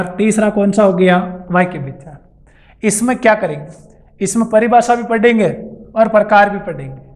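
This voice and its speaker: High-voiced teacher explaining Hindi grammar. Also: male voice. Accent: Rajasthani Hindi. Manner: explanatory, repeats key terms, asks and answers own questions. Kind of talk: classroom-style grammar lesson. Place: classroom or coaching center.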